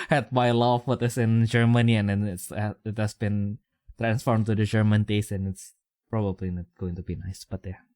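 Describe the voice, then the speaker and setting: A man's voice: lowish voice, flat delivery, moderate pace, a little mellow, dry recording, studio quality. A young man with an Indonesian accent chatting casually as a podcast co-host, rambling through fillers and restarts. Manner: rambling, many fillers and restarts, chuckles often.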